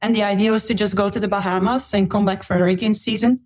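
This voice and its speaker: A woman's voice: mid-range voice, steady tone, fast talker, a little mellow. A middle-aged woman from Belgium, a podcast guest, telling her travel story in a chatty way with laughs and restarts. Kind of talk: casual interview storytelling.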